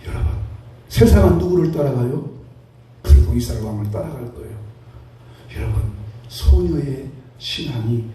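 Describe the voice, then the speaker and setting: A man's voice: mid-range voice, animated, normal speed, pauses often, dark tone, slight background noise. A male pastor delivering a sermon, telling stories animatedly and acting out the characters. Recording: very echoey hall, heard from a distance.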